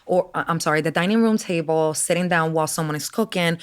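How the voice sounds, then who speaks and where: A woman's voice: low-pitched, fast, clean tone. A woman from Rico, telling stories as a podcast guest and laughing often. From Puerto Rico. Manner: lively storyteller, laughs often. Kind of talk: casual interview chat.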